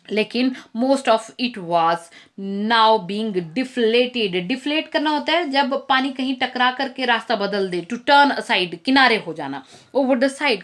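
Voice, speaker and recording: A woman teacher with a slightly high voice works through a story, reading the English lines slowly and then explaining each word patiently in Hindi with everyday examples. Her delivery is clear and methodical, built for students. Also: fairly bright tone.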